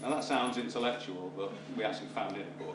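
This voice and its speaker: British man's wedding speech, distant and echoey. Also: fairly low pitch. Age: middle-aged or older. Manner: dry, wry humour with pauses for laughs. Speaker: father of the bride giving a speech. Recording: roomy, distant microphone, clear background noise. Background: room noise and guests laughing.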